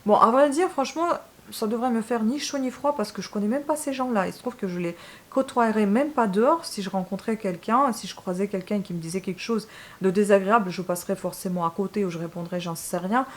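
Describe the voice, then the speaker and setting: Talking straight to her viewers in a casual vlog, a book channel host from Ukraine speaks French with a Ukrainian accent. She sounds frank and somewhat exasperated, restarting often and filling pauses, and her mid-range voice moves briskly.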